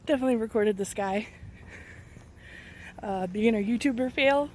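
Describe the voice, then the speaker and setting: A woman's voice: on the high side, normal speed, a little mellow, slight background noise. A woman vlogging outdoors on her phone while walking, out of breath and making wry asides. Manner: breathy, self-deprecating asides. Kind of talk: casual vlog while walking.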